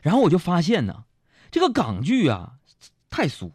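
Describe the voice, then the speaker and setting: A man tells comic stories on a radio show. His voice sits fairly high, and his pitch leaps up and down with every joke. The studio sound is dry and close. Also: slightly rough, no room sound. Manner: lively storytelling with quick jokes and asides to listeners. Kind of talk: comic monologue.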